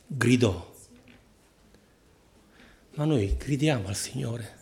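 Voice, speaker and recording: Brief: male preacher, middle-pitched voice, emphatic sermon delivery, rhetorical questions, loud-to-hushed swings. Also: very slow, a little hiss or hum.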